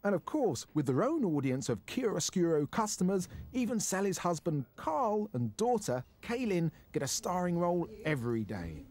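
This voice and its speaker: A man's voice: high-pitched, sing-song, moderate pace, hardly any pauses, darkish tone, slight background noise. A man presenting a food show, narrating with a playful, theatrical delivery and chatting with guests.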